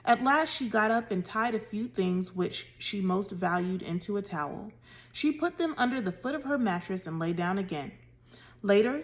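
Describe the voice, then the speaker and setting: A woman reading a children's novel chapter aloud in an expressive storytelling way. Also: medium pitch. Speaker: reader.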